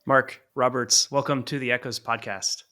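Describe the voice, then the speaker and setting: A man's voice: mid-range voice, fairly even intonation, moderate pace, sharp tone. A man hosting a podcast, reading an earnest, reflective introduction and then interviewing his guest. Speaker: podcast host.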